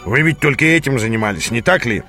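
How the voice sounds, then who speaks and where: A man's voice: medium pitch, lively intonation, quick pace, pushed and bright, faint music behind. A man reading an audiobook and voicing a sarcastic male demon mentor who growls, scolds and mocks his apprentice. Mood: scolding. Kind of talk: audiobook character voice.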